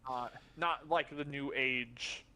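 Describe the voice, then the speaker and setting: A man co-hosting a podcast in a casual chat, excitable and restarting his sentences as he goes. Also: medium pitch, a little hiss or hum. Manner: quick, excitable, stumbling restarts. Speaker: podcast co-host.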